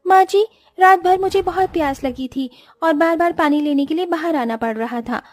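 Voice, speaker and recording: A woman doing a haughty spoiled young wife, high shrill voice, demanding, dry close sound, cartoon. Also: normal speed, dry recording, soft background music. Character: spoiled rich young bride, selfish and haughty.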